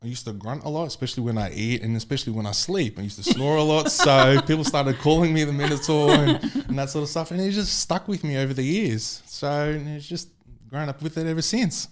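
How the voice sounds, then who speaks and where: A man's voice: fairly high pitch, a little fast. A young man, a guest in a casual podcast interview, talking in an easygoing way and often repeating his words. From Australia. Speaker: bodybuilder guest.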